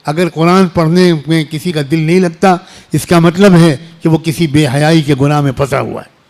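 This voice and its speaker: Male preacher, middle-aged, somewhat high pitch; emotional, repetitive, pleading sermon delivery. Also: steady tone, darkish tone. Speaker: Islamic preacher. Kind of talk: emotional sermon to young people.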